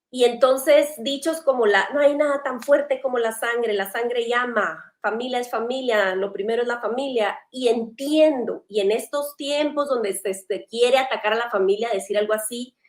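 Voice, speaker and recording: A woman hosting a church panel discussion, earnest and conversational, asking pointed questions. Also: a little high. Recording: roomy echo.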